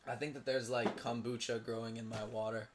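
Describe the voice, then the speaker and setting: Tired, hoarse teenage guy rambling. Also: mid-range voice, flat delivery, a little fast, background noise. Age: teens. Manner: rambling, mumbling, self-pitying. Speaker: league commentator. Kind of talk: late-night casual game commentary.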